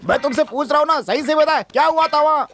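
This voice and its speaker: A man's voice: a little high, moderate pace, lightly acted. A man playing an irritable scolding villager. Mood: furious. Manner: scolding, exasperated. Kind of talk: Hindi film dub.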